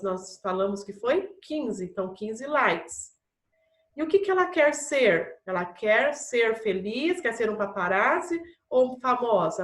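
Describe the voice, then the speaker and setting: Woman, primary school teacher, Brazilian Portuguese accent, patient step-by-step explaining, fairly high voice, echoey room. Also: a bit bright. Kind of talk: recorded online class for children. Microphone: camera mic.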